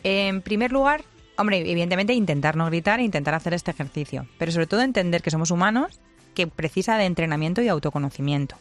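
Una mujer con acento de España que da consejos de crianza con énfasis, imitando frases de otros. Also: female voice, on the low side, quick pace, soft background music. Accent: Spain Spanish. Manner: lively, emphatic, acts out quotes. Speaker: parenting guest expert. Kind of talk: conversational advice.

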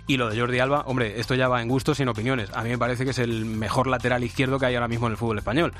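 Brisk Spanish radio sports reporter. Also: male voice, medium pitch, fairly even intonation, fairly bright tone. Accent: Spain. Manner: brisk, matter-of-fact.

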